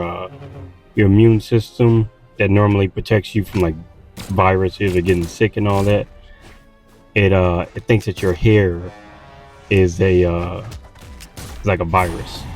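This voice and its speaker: A man's voice: low voice, level tone, a little slow, long pauses, darkish tone, faint music behind. A man from Texas with a Southern accent, tired from little sleep, rambling casually with lots of fillers and restarts while playing a game. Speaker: gaming streamer.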